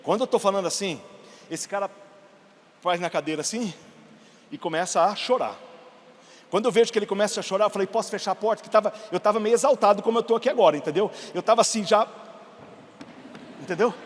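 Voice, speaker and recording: Animated preacher man in a reverberant hall. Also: sits high, quick pace, pauses often. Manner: animated storytelling, acting out dialogue, rising to shouts. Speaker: pastor. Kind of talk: sermon with personal story. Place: church hall.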